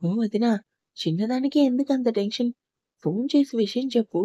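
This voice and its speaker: A woman's voice: on the high side, expressive, brisk, warm tone, no echo, dull audio. A woman reading a teasing young sister-in-law. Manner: playful, reassuring.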